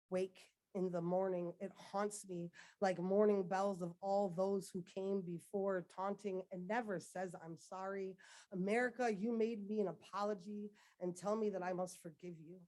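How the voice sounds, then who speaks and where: A woman performing a spoken-word poem at a ceremony, with an intense, measured delivery. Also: medium pitch, a little mellow. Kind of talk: spoken-word poetry recital. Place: dedication ceremony, indoors.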